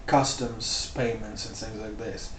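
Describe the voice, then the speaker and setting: A man's voice: lowish voice, steady tone, measured pace, a bit bright, slight background noise. A man talking through his views in a loose, rambling way, full of "like" and "you know". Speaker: vlogger. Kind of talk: casual spoken commentary. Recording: roomy sound, mic off at a distance.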